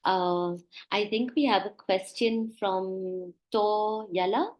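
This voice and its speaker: A woman's voice: medium pitch, fairly even intonation, slow, rough recording. A woman moderating an online panel, polite and hesitant, reading out audience questions with many fillers.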